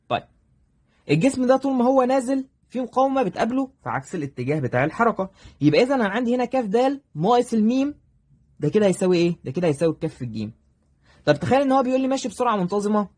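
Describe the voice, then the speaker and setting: A man with an Egyptian accent teaching a review lesson, addressing students directly and checking in with quick questions. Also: high voice, a little mellow, husky. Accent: Egyptian Arabic. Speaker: math teacher.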